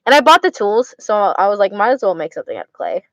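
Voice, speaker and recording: A young woman with an Arizona accent chats casually with viewers on a stream, stuttering, slurring her words and repeating herself. Her mid-range voice is fast and fairly bright, with big pitch swings, and the audio is dry with the highs cut off.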